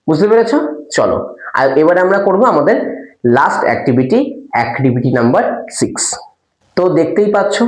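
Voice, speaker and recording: A male teacher going through a children's English lesson, asking questions and answering them himself and spelling words out. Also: fairly high pitch. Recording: echoey room.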